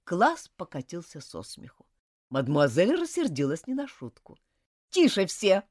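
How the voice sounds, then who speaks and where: A woman reads a children's book aloud with lively, dramatic delivery, her pitch rising and falling widely. The recording is close and dry, with no room sound. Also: normal speed, dry recording. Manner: animated, dramatic reading. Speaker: audiobook narrator. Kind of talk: expressive storybook narration.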